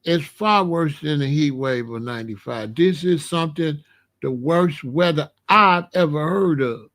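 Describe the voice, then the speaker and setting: An American man, middle-aged or older, talks informally to viewers on his livestream about an upcoming weather danger. He speaks at a measured pace in a voice on the high side and a bit bright, emphatic and colloquial, with phrases repeated for stress.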